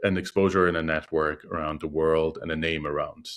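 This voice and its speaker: A deep-voiced native Russian speaker, an arbitration lawyer, answers questions as a guest in a conversational interview. He's measured and thoughtful, often hesitating to find the right word, with a steady, slightly bright tone.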